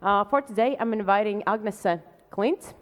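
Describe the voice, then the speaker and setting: A woman moderating a tech panel, introducing guests with many fillers and a friendly, halting way of speaking. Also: mid-range voice. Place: conference stage. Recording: long hall reverb.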